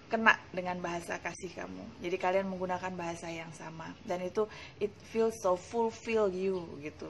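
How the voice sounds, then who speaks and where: A woman's voice: mid-range voice, slight background noise. A woman in her thirties, a hypnotherapist, answering viewers' questions in a casual live stream, chatty and laughing often while mixing in English phrases. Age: 30s.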